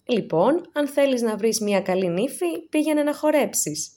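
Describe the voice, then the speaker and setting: A chatty, teasing grandmother of about ninety, as a woman reading a story puts her on. She reminisces in a raised, lively storybook voice. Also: a little high, natural voice.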